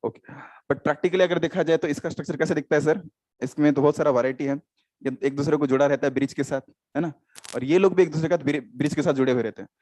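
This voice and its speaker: A man's voice: a little high, fast talker, darkish tone, no echo. An Indian man teaching biology in a live class, often quizzing students and repeating terms, switching into English.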